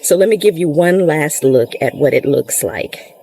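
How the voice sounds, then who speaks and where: Out in her garden, a woman vlogs casually, short of breath and wandering through her thoughts with fillers while a camera sits close by. Her low voice is expressive and mellow with a breathy edge, at a normal speed. There's no echo, though the recording is rough.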